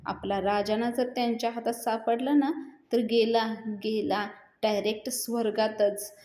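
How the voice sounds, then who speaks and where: Brief: woman voicing a loud, scolding older village man, rustic, echoey room. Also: fairly high pitch, flat delivery, a little slow, lightly acted. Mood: angry.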